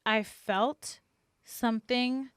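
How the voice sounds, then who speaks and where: Female podcast co-host, smooth clear voice, chatty and halting, dry recording. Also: on the high side, steady tone, fairly bright tone, no echo. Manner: chatty, halting, with many fillers. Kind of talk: casual chat.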